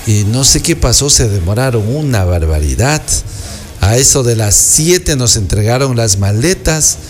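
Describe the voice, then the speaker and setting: A man, a guest who is an architect, telling travel anecdotes in a relaxed, meandering way. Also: medium pitch, faint music behind. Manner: unhurried, meandering storyteller.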